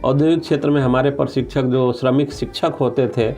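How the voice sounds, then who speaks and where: As a government official being interviewed, a man explains things point by point, mixing in some English terms. His mid-range voice is steady and mellow, and he speaks a little fast.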